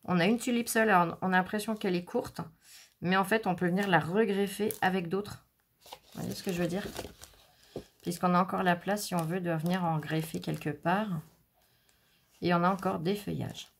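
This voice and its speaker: A woman's voice: on the low side, fairly even intonation, moderate pace, gravelly, long pauses, slight background noise. A woman chatting casually through a scrapbooking stamp haul, showing items one by one with frequent fillers. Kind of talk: casual haul video commentary.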